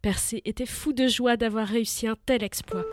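A woman storyteller reads a myth in scripted narration, in a fairly high voice that lifts with the action. The sound is dry and close, and soft music plays behind her. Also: fairly even intonation, a little fast, dry recording. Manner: vivid, rising with the action.

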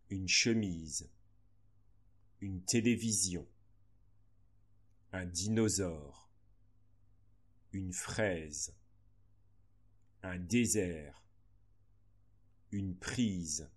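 A man with a low, husky voice reads a phonics lesson. He goes very slowly and deliberately, pausing between each word. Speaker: teacher. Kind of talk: slow phonics lesson reading.

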